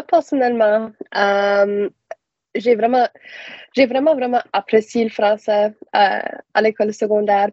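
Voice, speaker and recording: A young woman from Prince Edward Island, an English speaker and university student, speaking hesitantly with many pauses. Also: medium pitch, a little mellow, dry recording. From Prince Edward Island, Canada. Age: young adult. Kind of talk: casual discussion. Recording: dry, dull lo-fi sound.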